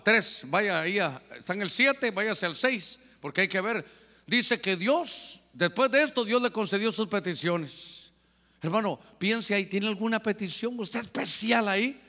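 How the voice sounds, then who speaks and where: A man preaching a sermon, calling his listeners brother and asking them questions, moving between loud emphasis and quiet asides. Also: high voice. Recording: long reverb of a hall.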